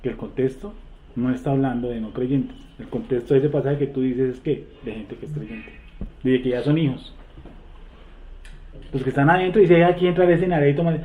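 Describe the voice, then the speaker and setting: A man leading a Bible study, quizzing the seated group and repeating verses slowly. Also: medium pitch, a little hiss or hum. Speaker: Bible teacher. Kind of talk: interactive Bible study teaching. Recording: echoey room over a tinny phone-like line.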